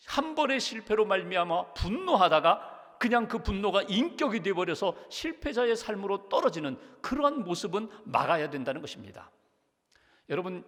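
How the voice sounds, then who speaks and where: Lively high-voiced preaching pastor. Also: male voice, in a large hall. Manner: earnest preaching with rhetorical questions. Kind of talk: sermon. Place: church sanctuary.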